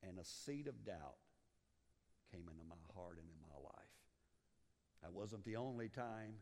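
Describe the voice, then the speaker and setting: Preaching pastor, loud then hushed. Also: male voice, expressive, unhurried. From Liberia. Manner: dramatic swings from loud urgent to hushed low. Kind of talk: sermon. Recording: long hall reverb.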